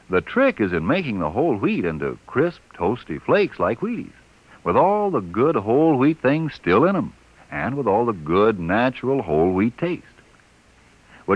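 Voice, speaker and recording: A man reading a radio commercial in a friendly, folksy salesman manner, his pitch leaping around with lively energy. The sound is muffled and thin, as on an old broadcast disc. It is the voice of a veteran sponsor announcer from the golden age of radio. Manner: folksy, chatty salesman pitch with rhetorical questions. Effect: old broadcast disc transcription. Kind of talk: scripted radio commercial read. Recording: dull lo-fi vintage radio transcription.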